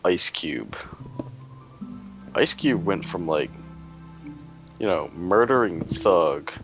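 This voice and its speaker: A young man with a very deep, gravelly voice chats loosely while gaming. He rambles, leans on fillers and crude jokes. Faint game music plays underneath. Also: animated, slow pace, muffled recording. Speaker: let's play host. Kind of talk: casual chat while gaming.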